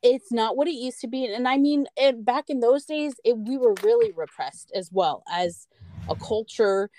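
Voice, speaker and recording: An American podcast co-host speaks at a moderate pace in a dark, slightly high voice, with no room sound in the audio. Chatting casually, she goes off on emphatic tangents and swears liberally.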